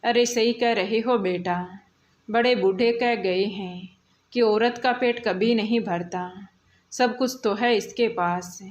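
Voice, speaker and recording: A harsh, scheming middle-aged mother-in-law, as a woman storyteller puts her on, scolding and threatening. The lines come slowly and deliberately, in a storybook read. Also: a little high, lo-fi sound. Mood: scornful.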